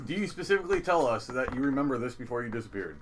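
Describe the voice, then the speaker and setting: A man's voice: mid-range voice, sing-song, racing, a little hiss or hum. A man playing a tabletop game who keeps asking questions. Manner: inquisitive. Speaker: player. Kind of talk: casual chat at a gaming table.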